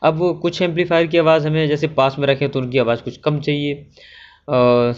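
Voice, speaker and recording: A man presenting an electronics tutorial, walking through a circuit diagram step by step in a patient way with many filler pauses. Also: mid-range voice, lo-fi sound.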